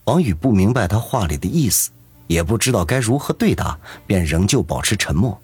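A man narrating a serialized novel with expressive storytelling. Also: on the low side, fairly quick, breathy edge, no room sound. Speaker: audiobook narrator.

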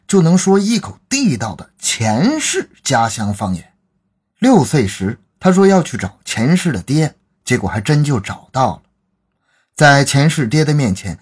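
A man narrating a strange-but-true story for a storytelling podcast, in a lively, animated way. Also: a little high, slightly rough.

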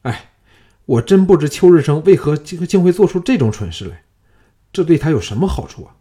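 Storybook fawning official, excitable, mellow voice , narrator voices him. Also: male voice, mid-range voice, normal speed, natural voice. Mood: agitated. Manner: excitable, ingratiating. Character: anxious, flattering male court official.

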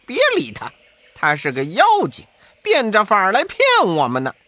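Female voice actor as a teasing monkey king, swooping and lively, in a storybook drama. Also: fairly low pitch, normal speed, no echo, heavily acted. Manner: chuckling, teasing. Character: cheeky, laughing monkey king, young male hero.

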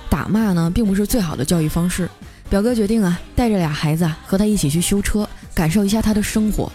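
A woman's voice: medium pitch, over music. Chatty storytelling woman. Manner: lively, chatty, drawn-out particles. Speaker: radio story host. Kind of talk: comic storytelling.

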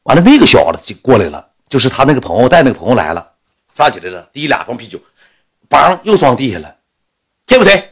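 A man's voice: mid-range voice, fast, breathy edge. A man telling a casual anecdote, acting out the dialogue as he goes. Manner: animated, acts out the quoted dialogue. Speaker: storyteller.

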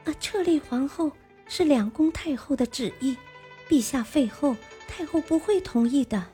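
A woman's voice: high voice, animated, normal speed, mellow, soft background music, voice pushed up. A woman voicing a scheming aging imperial consort who pleads in a choked, tearful voice. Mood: coaxing.

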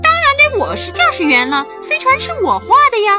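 A woman's voice: extremely high pitch, huge pitch swings, a little fast, over music, voice pushed up, exaggerated voice. A woman voicing an eager, boastful little boy in a bedtime story.

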